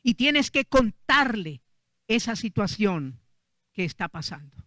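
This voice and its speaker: Un tío mayor y firme que amonesta con seriedad, en la voz de un predicador. Su voz es aguda y brillante, y suena seca. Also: male voice, high-pitched, sing-song, slow, pushed and bright, no room sound, heavily acted. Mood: admonishing. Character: older man, firm counseling uncle.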